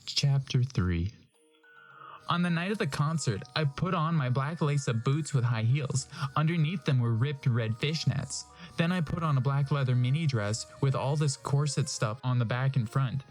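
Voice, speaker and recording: A man reads fan fiction aloud in a theatrical, dramatic style, breaking off to comment and react as he goes. His voice is medium in pitch at a normal speed, over soft background music.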